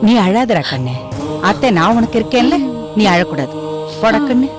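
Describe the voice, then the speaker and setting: A proud, domineering matriarch who scolds and commands. The voice sits high, with music running behind her in this TV serial. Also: sing-song, normal speed. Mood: consoling. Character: stern proud matriarch, older woman. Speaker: matriarch of the family. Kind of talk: TV serial acting.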